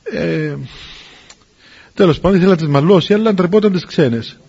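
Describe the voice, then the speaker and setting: Man, storyteller, high voice, conversational, speaks to listeners, muffled radio sound. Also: breathy edge. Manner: lively, conversational, addresses listeners directly. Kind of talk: spoken religious anecdote on radio.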